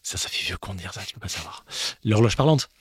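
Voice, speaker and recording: A man's voice: on the low side, lively intonation, fast talker, slightly rough, no room sound. A man hosting a casual podcast chat, playful with jokey asides. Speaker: podcast host. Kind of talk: casual conversation.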